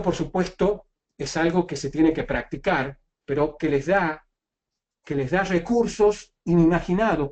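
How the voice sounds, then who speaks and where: A man's voice: fairly high pitch, a little mellow. A man giving a spoken lesson on sales technique. He explains step by step, restarts his phrases often and keeps checking in with the listener. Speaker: sales trainer.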